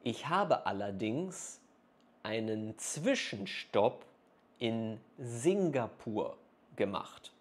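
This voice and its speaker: Very slow, carefully spoken man. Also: medium pitch, darkish tone. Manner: very slow, carefully articulated phrases with pauses. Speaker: German teacher vlogger. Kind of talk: slow, clear speech for learners. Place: small room indoors. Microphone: clip-on lapel mic.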